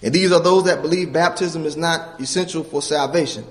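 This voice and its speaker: High-voiced man preaching in a reverberant hall. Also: a little fast. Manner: earnest teaching, reads scripture aloud, asks questions. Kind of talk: sermon. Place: church with a baptistry.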